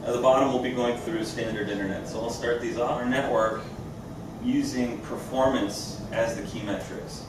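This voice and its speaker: A man's voice: mid-range voice, steady tone, moderate pace. Very echoey, distant man presenting a demo. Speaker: company presenter. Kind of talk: live product demo presentation. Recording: echoey room, distant mic, clear background noise.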